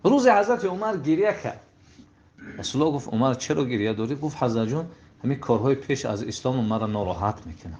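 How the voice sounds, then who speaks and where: A male preacher tells stories as a sermon. His voice surges high and loud at emotional moments, then sinks to near-whispered lows. The recording is dull and lo-fi, with a faint hiss underneath. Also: lively intonation. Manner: swings from raised emotional peaks to hushed low passages. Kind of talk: sermon storytelling.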